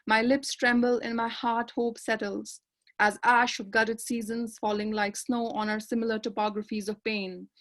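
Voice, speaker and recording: A woman from Kashmir, reading her poetry aloud in a measured, lyrical way on a panel discussion held over a video call. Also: on the high side. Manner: measured, lyrical recitation with repeated refrains. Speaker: poet and panelist.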